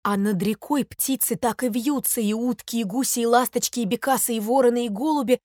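A woman narrating a fairy tale in a calm, even storybook reading. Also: a little high, fairly quick, no room sound, clean studio sound.

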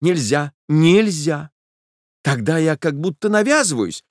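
A man's voice: a little high, very animated, measured pace, no echo, voice pushed up. A man voicing a tearful, anxious young woman in love, pleading and close to sobbing in a literary reading. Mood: refusing. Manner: pleading, breaking into sobs.

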